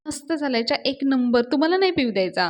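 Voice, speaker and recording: A woman voicing an eager young man who insists in a hurried way. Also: sits high, very animated. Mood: insistent.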